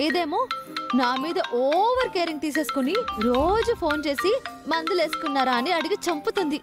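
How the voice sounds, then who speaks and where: A woman's voice: high voice, lively intonation, moderate pace. An actress playing a scheming woman speaking to herself in a TV serial, with music underneath. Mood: smug scheming. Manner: scheming, smug monologue. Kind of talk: Telugu TV serial acting.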